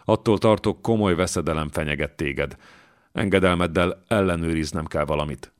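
A man's voice: low voice, lightly acted. A man reading an audiobook voices a bold young warrior who speaks with courtly politeness and a mocking edge. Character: bold young male warrior, proud and defiant.

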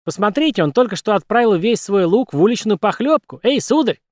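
A man voicing a shrill, pushy male puppet showman with a squeaky, birdlike voice. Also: fairly quick, no echo, clean studio sound. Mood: wheedling. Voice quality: squeaky, high birdlike chirp. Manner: grandly flattering, exclamatory barker. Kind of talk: audiobook character voice.

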